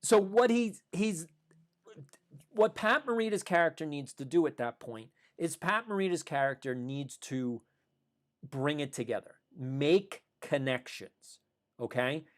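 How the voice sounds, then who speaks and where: A man's voice: fairly high pitch, unhurried. A man who runs a school, giving an emphatic podcast monologue about teaching and repeating his key points.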